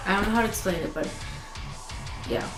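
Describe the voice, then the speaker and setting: A woman's voice: mid-range voice, fairly quick. A woman with a sick, teary-sounding voice rambles through a casual story time, filling her sentences with likes and ums. The room is echoey. Guitar music plays underneath. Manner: rambling with many fillers. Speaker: vlogger. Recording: roomy echo with music behind.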